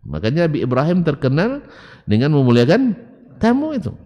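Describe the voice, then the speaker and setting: A man preaching a sermon a lively, swooping voice that sits a little high for a man. He jokes his listeners and throws out rhetorical questions. The sound carries a long reverb from the hall. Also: fairly quick, highs cut off. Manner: animated, joking with the audience, rhetorical questions. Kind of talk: Islamic sermon.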